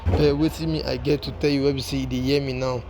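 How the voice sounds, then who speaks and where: A man with a Nigerian accent talks to his viewers in Nigerian Pidgin. His pitch stays flat and his phrasing circles back on itself in a halting way. There is clear noise behind him. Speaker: online channel host. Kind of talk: informal political commentary to viewers.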